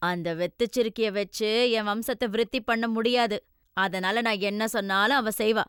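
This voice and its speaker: A woman's voice: mid-range voice, steady tone, moderate pace, a bit bright, clean tone, no echo, clean studio sound, natural voice. An actress playing a scheming, domineering middle-aged mother in a Tamil Nadu Tamil television serial, speaking in a dismissive, commanding way. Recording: music score underneath.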